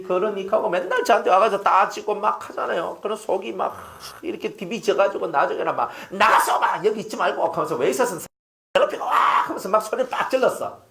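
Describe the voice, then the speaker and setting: A middle-aged male pastor preaching. His voice sits high for a man and swings widely in pitch. He acts out quoted speech and keeps putting questions to the congregation. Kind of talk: sermon.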